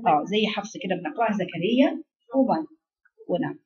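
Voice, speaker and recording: Woman, Egyptian accent, religious teacher, fast talker, dull lo-fi sound. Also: medium pitch. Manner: animated, asks the class questions and answers them. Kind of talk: Quran lesson in Egyptian colloquial. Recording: dull lo-fi recording.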